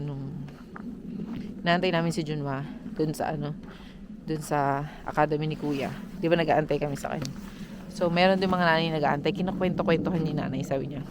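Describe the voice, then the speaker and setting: A Filipino mom and vlogger in her thirties, with a low voice, chats casually and tells stories with lots of laughter over a noisy background. She's chatty and animated in this storytelling vlog.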